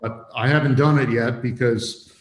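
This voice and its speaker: A man asks careful questions in a middle-pitched voice. His sound is roomy, with a long echo trailing behind each phrase. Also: steady tone, moderate pace. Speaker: co-op member asking questions. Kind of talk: casual online meeting talk.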